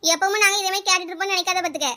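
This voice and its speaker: A woman's voice: extremely high pitch, fairly even intonation, racing, noisy background. A woman with a Kanyakumari Tamil accent voicing bickering village women in a cartoon. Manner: quarrelsome village gossip banter.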